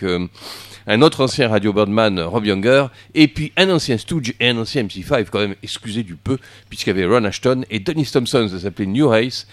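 A man's voice: medium pitch, no room sound. A man from hosting a rock radio show, talking casually with many hesitations and restarts. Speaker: radio host.

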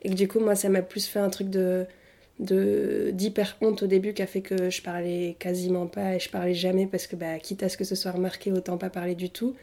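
A woman's voice: mid-range voice, little pitch movement, a little fast, vocal fry, dark tone. A young woman from Tunisia, a native Arabic speaker, talking casually and hesitantly about her life, with slang and many fillers. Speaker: interviewee. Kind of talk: casual personal testimony.

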